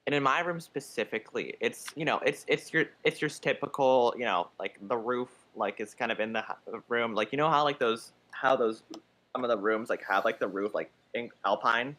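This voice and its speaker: Young man, mid pitch, bright tone, rambling casual chat. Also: moderate pace. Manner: rambling, hedging with many "like"s. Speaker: friend on a livestream call.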